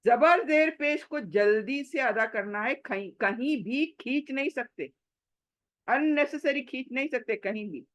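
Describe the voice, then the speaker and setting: Female recitation teacher, slightly high voice, slow and patient drills, repeats each sound over and over. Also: expressive, fairly bright tone. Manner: patient, repeats each sound many times and corrects mistakes. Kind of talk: slow drilling lesson, syllable by syllable.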